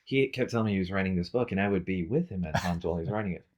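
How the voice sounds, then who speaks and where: Deep-voiced man telling stories animatedly. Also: rapid-fire. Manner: animated storyteller, swears freely, acts out quotes. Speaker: podcast co-host. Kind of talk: casual podcast conversation.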